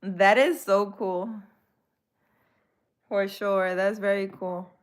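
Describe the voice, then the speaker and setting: A Dominican woman hosts a casual live stream as a spiritual healer, laughing a lot and mixing Spanish words into her chat with viewers. Her mid-range voice stays steady and clean, and she speaks slowly.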